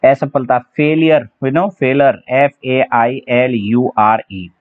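Taking things slowly, this man runs a chatty, joking English vocabulary class for exam preparation, spelling each word letter by letter. His pitch is medium and his tone steady, captured on slightly dull lo-fi audio.

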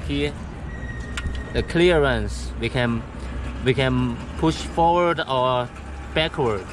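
A man giving a product walkthrough of a go kart outdoors, speaking halting English with many fillers and restarts. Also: mid-range voice. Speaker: factory sales rep showing a go kart. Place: outdoors beside go karts on pavement. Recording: outdoor camera audio with background noise.

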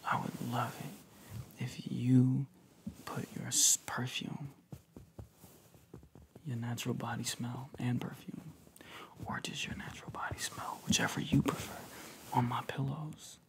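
A young man playing a devoted, clingy lover in a whispered role-play, giving soft, intimate, affectionate pillow talk up close. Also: little pitch movement, unhurried, pauses often. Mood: longing, sensual. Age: young adult. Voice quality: soft, breathy whispering mixed with low murmur. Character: devoted, clingy, tender male lover at bedside. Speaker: ASMR creator. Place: living room couch, indoors.

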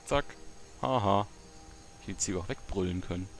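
A man with a fairly low voice talks through his gameplay in a loose, chatty way. He mutters to himself and sometimes bursts out loudly. There is a faint hiss under the recording. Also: normal speed. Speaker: let's play gamer. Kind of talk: casual gameplay commentary.

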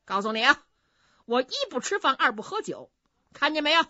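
A woman voicing an arrogant, boorish male general who shouts and brags, in a dry, slightly dull recording. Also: sits high, big pitch swings, fairly quick, dry recording, exaggerated voice. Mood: bullying. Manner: bullying, shouting, boastful.

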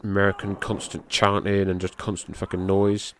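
A middle-aged man hosts a podcast, delivering loose, rambling play-by-play of a match at a moderate pace over slight background noise. A native English speaker, he swears casually and his voice lifts with excitement at the big moves.

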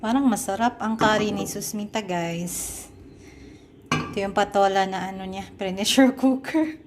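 A woman's voice: medium pitch, noisy background. A woman in her thirties from the Philippines, chatting to her vlog audience as a mother at home, laughing often and slipping into English. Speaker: vlogger and mother. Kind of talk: casual chat to camera.

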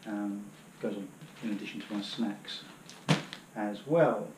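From a camera resting on the floor a few metres away, we hear a British gear vlogger in his thirties kneeling in his living room and showing off his hiking equipment in a loose, filler-heavy ramble. His voice is on the low side, fairly even, and unhurried. The recording is reverberant and very noisy.

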